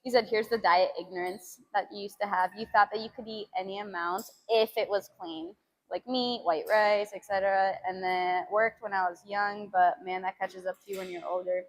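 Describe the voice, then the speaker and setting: A woman's voice: medium pitch, steady tone, normal speed. Young woman fitness streamer, chatty and rambly, lots of ums and likes. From United States. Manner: chatty, rambling, many fillers and laughs. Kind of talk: casual live-stream chat with viewers.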